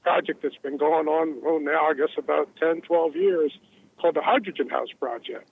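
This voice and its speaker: A man's voice: fairly high pitch, moderate pace, creaky, slight background noise. A man calling in to a talk show from his car over a Bluetooth phone line, earnest and rambling, repeating words as he goes. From New Jersey. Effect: car Bluetooth phone call. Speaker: caller.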